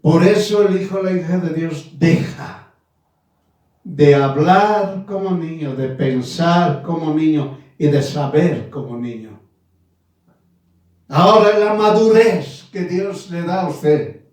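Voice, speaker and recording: A man in his nineties preaching a sermon, slow and emphatic, repeating his phrases. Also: a little high, a little mellow. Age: 90s. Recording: echoey room from far off.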